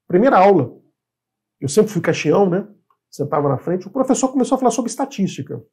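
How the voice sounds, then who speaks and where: Man in his 50s, instructor type, mellow husky voice, conversational lesson delivery. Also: sits high, big pitch swings, brisk. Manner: conversational, asks and answers his own questions. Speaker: real estate appraisal instructor. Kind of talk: informal online lesson.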